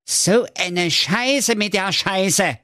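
A man's voice: fairly high pitch, sing-song, measured pace, no room sound, clean studio sound, voice pushed up. A man doing a frantic Saxon fairy-tale brother. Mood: agitated. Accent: Saxon German. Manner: yelling, frantic. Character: excitable male fairy-tale brother, panicky, foul-mouthed. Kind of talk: comic audio storytelling.

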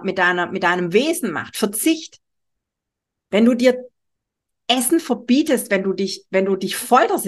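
A woman's voice: on the high side, fairly bright tone. A middle-aged woman hosting a podcast, talking straight to the listener in an emphatic, strict way with a frequent questioning "ja?". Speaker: podcast host, weight-loss coach. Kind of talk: monologue podcast, direct address. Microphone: studio microphone.

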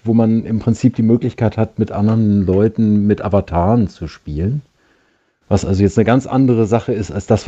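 A man's voice: fairly low pitch, mellow. A man calling in to a live show over a phone line, hesitant and searching for words. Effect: call-in voice over a phone line. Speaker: caller. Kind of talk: call-in chat on a live show.

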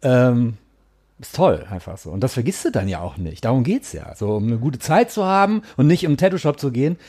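Mellow-voiced man hosting a casual chat. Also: medium pitch, big pitch swings, fairly quick, breathy edge. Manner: easygoing, agrees a lot, slangy. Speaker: podcast host.

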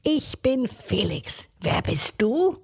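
Small, curious young fox for a children's story, high, excited and lively in pitch, as a male narrator does the voice. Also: slow pace, creaky, a little hiss or hum, heavily acted.

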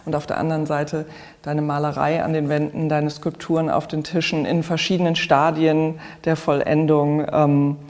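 Calm interviewer of middle pitch. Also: moderate pace. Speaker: podcast host, interviewer. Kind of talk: scripted intro and interview questions. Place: artist's studio.

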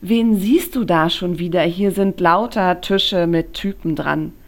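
A woman voicing a cheeky, loud young woman friend who talks sharp and brash. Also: lowish voice, a little slow. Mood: teasing, loud.

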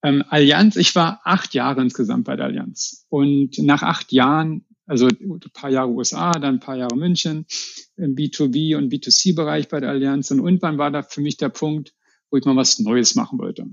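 A customer experience manager from the Berlin area, Germany, answers interview questions casually and informally, often repeating words. His voice is fairly high and gravelly at a moderate pace, recorded dry with dull audio.

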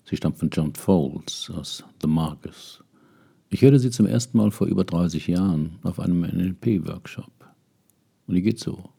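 A man's voice: low voice, a little slow, vocal fry, warm tone, breathy edge. An older man telling a story, musing and speaking straight to his listeners. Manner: musing, addresses listeners directly. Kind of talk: reflective spoken essay and story reading.

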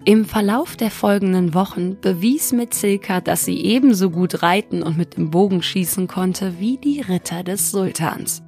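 A woman narrating a fairy tale in a calm, measured, scripted storybook reading. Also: medium pitch. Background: faint music.

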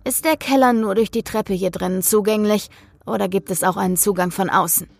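A woman's voice: medium pitch, brisk, gravelly. A woman voicing a nervous, blunt male cameraman in a horror story, talking uneasily and curtly. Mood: uneasy. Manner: uneasy, hissing, curt.

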